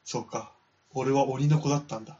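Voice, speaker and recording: A man talks at a brisk clip, retelling an old tale in loose podcast chat. He drops into quick little character voices as he goes, and the recording sounds dull and lo-fi. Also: medium pitch, fairly even intonation, mellow. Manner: acts out characters' lines while telling the story. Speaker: podcast co-host.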